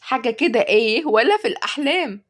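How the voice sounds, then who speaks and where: A woman's voice: on the high side, animated, quick pace. A woman voicing a bubbly, bossy young Egyptian nanny who teases the children in a playful, dramatic way. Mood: excited, playful.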